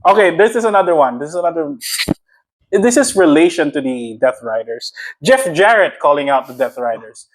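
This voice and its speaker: A man's voice: a little high, lively intonation. A young man with a Filipino accent, co-hosting a casual wrestling podcast and making his points with heat and emphasis, often laughing. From Philippines. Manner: heated, emphatic, quick to laugh. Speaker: podcast co-host. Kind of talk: casual chat.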